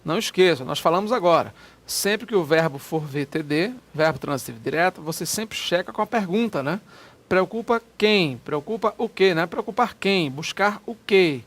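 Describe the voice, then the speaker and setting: Lively high-voiced male grammar teacher. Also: moderate pace. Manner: lively, repetitive, spelling words out letter by letter. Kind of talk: exam-prep lecture.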